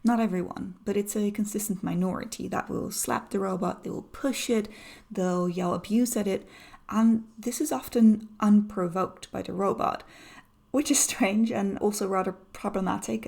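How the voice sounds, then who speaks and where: Woman with a gravelly edge. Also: lowish voice. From Netherlands. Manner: lively, anecdotal, lightly humorous. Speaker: researcher. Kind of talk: conversational explanation.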